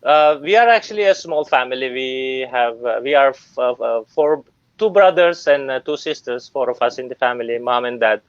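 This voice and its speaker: A middle-aged Turkish man, whose first language is Turkish, appears as a guest business owner in an online interview, speaking English with many fillers and restarts. His medium-pitched voice has a clean tone, moderate pace and no echo, though the recording sounds dull and lo-fi.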